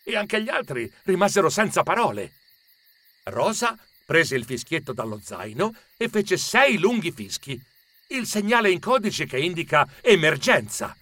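A man narrating a children's story with expressive storytelling. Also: a little high, moderate pace, slight background noise.

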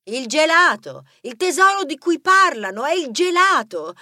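Storybook role: bossy, impatient heroine partner, high and animated, put on by a male reader. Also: normal speed, dry recording, studio quality, heavily acted. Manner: impatient, scolding. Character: bossy sharp-tongued female detective partner.

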